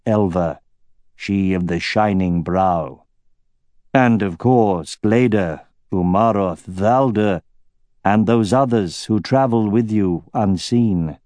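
Guy doing a deep rich evil king, slow and commanding, dry close sound. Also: mellow, no echo. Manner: slow, stately, ceremonious welcome. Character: evil king, male, adult, commanding and silky.

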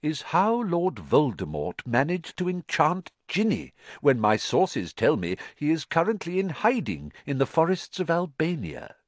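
Man doing a kind old wizard headmaster, calm, measured, lively tune. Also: on the high side, no echo, voice pushed up, full character voice. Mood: gentle. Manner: gentle, measured. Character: wise, gentle old male headmaster.

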